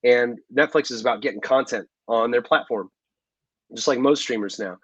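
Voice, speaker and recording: An actor in his thirties, interviewed over a video call from his living room, talks at length in a chatty, rambling way full of ums and restarts. His medium-pitched, slightly bright voice moves at a moderate pace, with no room sound. The video call microphone gives a dull, dry home recording.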